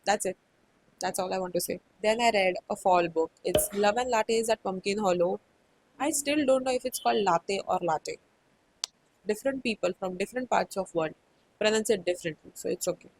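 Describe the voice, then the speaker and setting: A woman's voice: mid-range voice, fairly quick, darkish tone, no room sound, poor audio. Chatty Indian woman reviewing books. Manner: chatty, many "like" fillers, mixes in Hindi phrases. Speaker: book vlogger. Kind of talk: casual book review chat.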